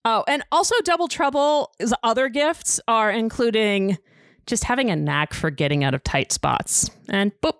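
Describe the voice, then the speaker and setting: A woman's voice: fairly high pitch, animated, normal speed, clean tone, dry recording, studio quality. A woman co-hosting a podcast, talking casually and playfully about a cartoon episode. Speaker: podcast co-host.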